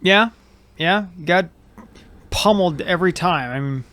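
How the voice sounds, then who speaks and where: A man's voice: high-pitched, slow, fairly bright tone. A man hosting a casual chat from his home studio, loose, joking and rambling as he talks. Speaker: host. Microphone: headphones with mic.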